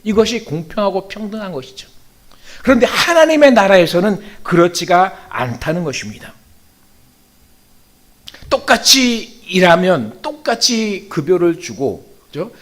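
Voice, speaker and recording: A male pastor retelling a parable in an animated, conversational sermon, with frequent fillers and rhetorical questions. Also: high voice, measured pace. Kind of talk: storytelling sermon.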